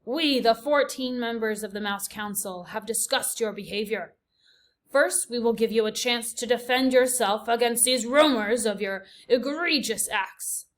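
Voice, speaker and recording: A woman's voice: fairly high pitch, measured pace, natural voice. A woman doing a stern old head mouse. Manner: formal, commanding. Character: stern elderly male head mouse, formal judge.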